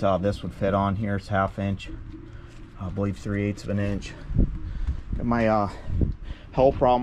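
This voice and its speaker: Casual male vlogger, easygoing and rambling, flat delivery, faint noise outdoors. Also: medium pitch. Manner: laid-back, rambling, many fillers. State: a little out of breath at times. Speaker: vlogger working on his trucks. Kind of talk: casual self-filmed narration. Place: outdoors by a truck.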